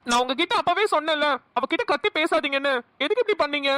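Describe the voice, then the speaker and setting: Woman playing a young husband, cartoon, protective, urgent, Kongu Tamil accent, high bright voice. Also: expressive, fast talker, no echo. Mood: indignant. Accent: Kongu Tamil (Namakkal). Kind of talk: cartoon voice acting.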